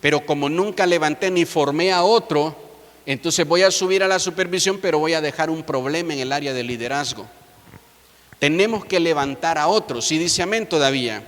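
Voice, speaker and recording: Pastor guy preaching hard, repeats his lines, kinda high voice, long echo like a big church. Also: moderate pace, fairly bright tone. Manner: emphatic preaching with repeated refrains and calls to the congregation. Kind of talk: sermon.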